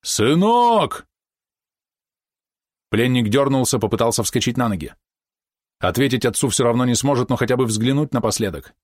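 A man narrating an audiobook in a steady, measured storytelling manner. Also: mid-range voice, no echo, clean studio sound. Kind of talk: scripted narration.

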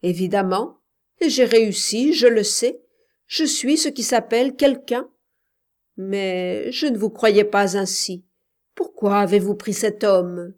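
A woman's voice: mid-range voice, slow pace, a little mellow, close to an everyday voice. A woman reading the part of a young man who has returned as a scholar, reproachful and bitter, in an audiobook.

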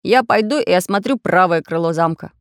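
A woman's voice: on the low side, brisk, dry recording, clean studio sound, close to an everyday voice. A woman doing Samodelkin, bossy little iron craftsman. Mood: commanding. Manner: loud, commanding, grumbly. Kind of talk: storybook narration.

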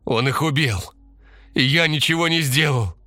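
An aggressive young man barks coarse, threatening lines, put on by a male narrator. His voice is bright and swings lively up and down, recorded dry and close. It is an audiobook scene. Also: fairly low pitch, normal speed, no echo, soft background music, voice pushed up. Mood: desperate. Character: hot-tempered young man, aggressive and rude.

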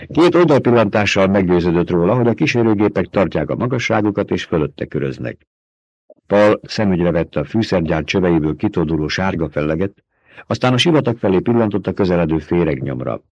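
A man reading a science fiction novel aloud in a steady, measured narration. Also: low voice, no room sound, highs cut off. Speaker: audiobook narrator. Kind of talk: scripted narration.

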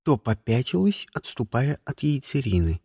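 A man's voice: medium pitch, slightly rough, dry recording, studio quality. A man narrating a first-person audiobook expressively, acting out the characters. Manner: animated, slow, plays each character.

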